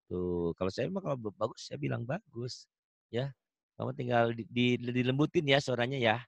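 A man teaching Quran recitation over an online call, chatting and coaching, then chanting example verses slowly and melodically. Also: medium pitch, gravelly, dry recording. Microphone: video call.

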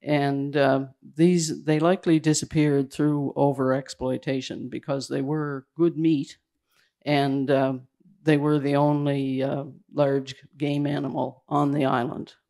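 A man giving a slide presentation at a public event indoors, talking in a hurried, halting way that keeps restarting its phrases. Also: medium pitch, flat delivery, mellow. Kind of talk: slide presentation to a live audience.

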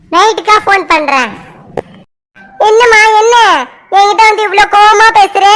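A woman's voice: very high-pitched, sharp tone. A young woman playing a stubborn young adult daughter who protests and complains in an amateur family drama. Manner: pleading, whiny protests.

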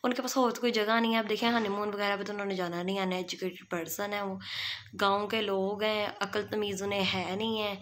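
A woman's voice: medium pitch, flat delivery, brisk, fairly bright tone, slight background noise. A young woman talks to her phone camera in a small room indoors. Her commentary is gossipy and openly mocking, with an easy, chatty flow in a mid-range voice. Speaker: vlogger. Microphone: phone camera at arm's length.

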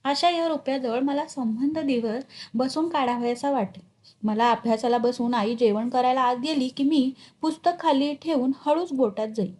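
A woman teacher reading a short story aloud in an expressive, clear way. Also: sits high, moderate pace.

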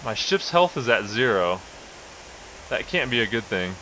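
A man of medium pitch talks at a normal speed in a rough recording with slight background noise. He's a gamer offering casual play-by-play, exclaiming and chatting to himself with excitement.

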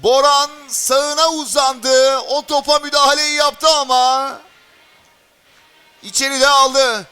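Male football commentator. Very high, bright voice, excitable live play-by-play that breaks into screaming at big moments. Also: slow pace, faint music behind. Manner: shouts and screams at goals and chances.

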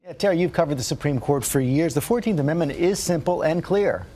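Fast-talking male news anchor. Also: a little high, dark tone. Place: TV studio.

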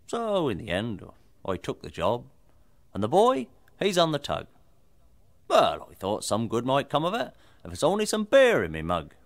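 A man's voice: wildly swooping pitch, normal speed. A man performing a comic folk recitation in a broad rustic style. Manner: broad rustic delivery with sweeping swings in pitch. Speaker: folk storyteller.

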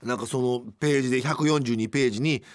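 Radio host, male, 50s, Kansai accent, mid-range voice; relaxed storytelling with frequent laughs, studio mic. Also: medium pitch, fast. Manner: chatty storyteller who often laughs mid-sentence. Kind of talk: casual radio monologue.

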